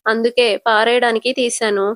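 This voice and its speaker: Lady putting on a nervous scheming mom, a bit high, slow and pleading. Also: level tone, no room sound, studio quality, lightly acted. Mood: fretful. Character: fretful middle-aged mother caught scheming.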